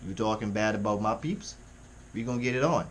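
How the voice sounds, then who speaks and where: Speaking a little quickly at a fairly low pitch, a Caribbean man with a Caribbean English accent hosts a music reaction. His commentary is casual, slangy, rambling, and laid-back. There's a slight hiss or hum in the recording.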